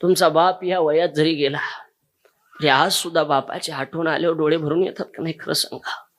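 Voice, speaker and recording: A man's voice: a little high, fairly even intonation, normal speed, a bit bright. A man, preaching a kirtan sermon and telling a moving story straight to his listeners. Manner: emotional storytelling, addresses audience directly.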